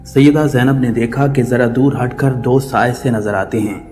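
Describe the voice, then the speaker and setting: A man's voice: medium pitch, a little mellow, in a large hall, soft background music. A man telling a mournful religious story in solemn, scripted narration.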